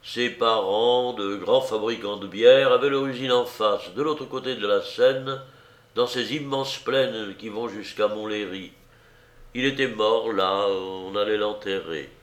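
Man reading an old novel aloud, steady and deliberate, roomy echo. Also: lowish voice. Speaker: narrator. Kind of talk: audiobook narration of classic fiction.

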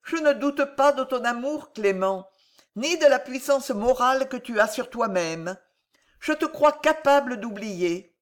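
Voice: medium pitch, animated, a little slow, voice pushed up, lightly acted. A reader voicing a desperate young woman torn by forbidden love in a dramatic audiobook, fierce and anguished. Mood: grave.

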